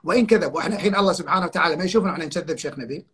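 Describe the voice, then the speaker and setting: A man's voice: fairly high pitch, rapid-fire, bright, forceful tone, slightly rough. An older man, a guest on a live online talk, telling stories emphatically and repeating his key points over a video call. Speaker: guest counselor.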